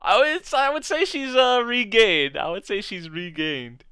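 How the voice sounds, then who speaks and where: A young adult man giving casual live reaction commentary, thinking aloud in an informal, halting way. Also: high-pitched, pushed and bright, clean tone, dry recording, clean studio sound. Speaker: anime reaction video host. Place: small indoor bedroom or study.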